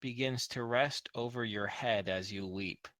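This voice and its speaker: A man's voice: mid-range voice, measured pace, a bit bright. A man acting as game master, narrating and refereeing a tabletop role-playing game in a conversational, explanatory way.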